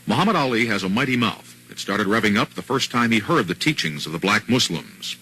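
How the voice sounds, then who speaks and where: A man as a news anchor reading scripted narration in a measured broadcast delivery. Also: fairly low pitch, very animated, sharp tone, a little hiss or hum, low-quality recording.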